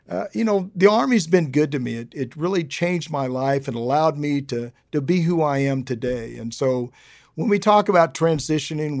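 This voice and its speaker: An older American man with a gravelly voice hosting a podcast, with hearty, punchy military-style emphasis. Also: medium pitch, darkish tone, no room sound, clean studio sound. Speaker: podcast host, retired Army sergeant major. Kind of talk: podcast hosting with personal anecdotes.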